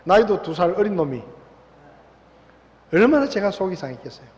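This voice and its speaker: A Korean pastor with a Gyeongsang accent preaches in a lively, storytelling way. His voice sits high for a man. A long reverb from the church hall trails each phrase. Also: a little fast. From Gyeongsang province, South Korea. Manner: animated storytelling, acting out voices. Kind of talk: sermon. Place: church sanctuary.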